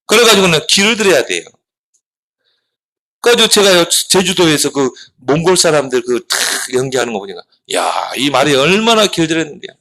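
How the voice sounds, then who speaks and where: A middle-aged man preaching a children's sermon, animated, asking the children questions and answering them himself. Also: on the high side, a little fast, low-quality recording. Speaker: pastor.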